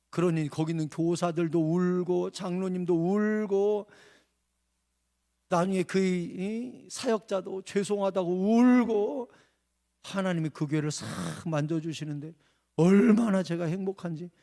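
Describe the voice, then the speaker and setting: A man preaching a revival sermon in a church, his voice pitched high and gravelly. He drops to quiet storytelling, then erupts into shouts. Every phrase climbs and falls over a wide range. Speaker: pastor. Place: church sanctuary.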